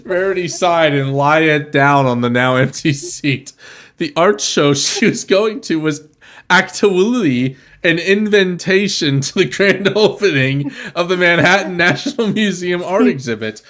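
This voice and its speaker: A man's voice: a little high, fairly bright tone. A man hosting a comedy podcast, reading a fan story aloud and breaking in with sardonic asides. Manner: sardonic asides, laughing interruptions. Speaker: podcast host.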